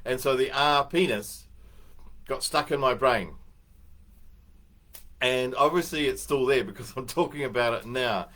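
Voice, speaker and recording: A man's voice: medium pitch, normal speed, pauses often, a bit bright. An older man, giving a casual, anecdotal talk as host, rambling a little and chuckling at his own story.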